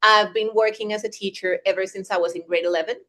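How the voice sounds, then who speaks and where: A young Colombian English teacher describes her career in a casual video-call interview, chatty and full of restarts and "eh" fillers. Her mid-range voice is fast, fairly even, pushed and bright.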